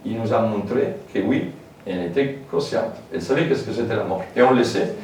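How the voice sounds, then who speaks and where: A man's voice: fairly low pitch, a little fast, a little mellow. A man giving a public lecture in a hall, informal and hesitant, with many fillers and asides. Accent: French with a foreign lilt. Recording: very echoey hall, distant mic, faint noise.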